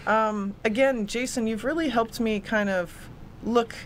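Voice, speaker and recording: A woman's voice: a little high, a little slow. A young woman speaks earnestly as an interview guest, often doubling words when she gets going. She sits at a desk microphone in a small studio, with a faint hiss under her voice. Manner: earnest, eager, repeats words when excited. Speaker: fitness coach and guest. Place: small studio set with a city backdrop. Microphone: desk microphone on a stand.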